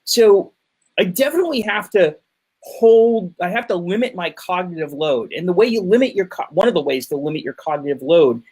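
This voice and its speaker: A man who teaches physics, chatting in a loose explanatory way. His voice sits a little high, and he often restarts mid-sentence. He talks over a call. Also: expressive, brisk, darkish tone, breathy edge. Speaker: physics lecturer guest. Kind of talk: casual explanatory chat.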